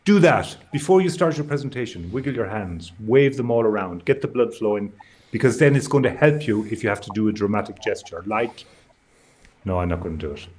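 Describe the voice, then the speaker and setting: A man co-hosting a live online show, giving brisk, instructive tips with a joking touch. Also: mid-range voice, darkish tone. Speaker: co-host. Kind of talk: casual presenting tips.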